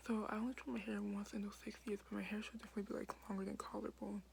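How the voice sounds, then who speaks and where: Gravelly-whispering young woman at night. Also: medium pitch, little pitch movement, rapid-fire, a little hiss or hum. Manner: whispering quietly, many fillers like "like". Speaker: vlogger. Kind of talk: casual whispered vlog. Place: basement at night.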